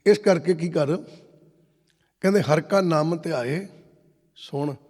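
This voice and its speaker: A man's voice: on the high side, takes it slowly, darkish tone. A man preaching a sermon, telling stories and acting out the dialogue of the people in them. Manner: storytelling, acts out dialogue in quotes. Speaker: Sikh preacher. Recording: long hall reverb.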